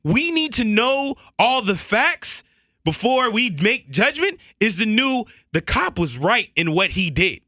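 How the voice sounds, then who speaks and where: Speaking with impassioned emphasis, this Southern US man co-hosts a radio show from a studio, recorded on a boom mic. His voice sits high and sounds pushed and bright, with no echo.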